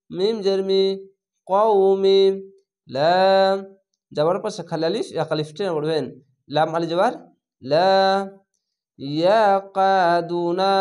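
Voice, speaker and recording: Teaching Quran recitation, a man with a Bangladeshi Bengali accent and a high, somewhat mellow voice spells out letter by letter and vowel mark by vowel mark. He then merges the syllables into one chanted, elongated word.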